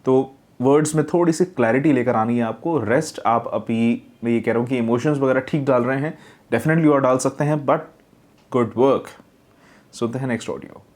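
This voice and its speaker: A man's voice: mid-range voice, normal speed, darkish tone. Man coaching voiceover step by step. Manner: explains step by step, demonstrates readings. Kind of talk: reviewing and coaching.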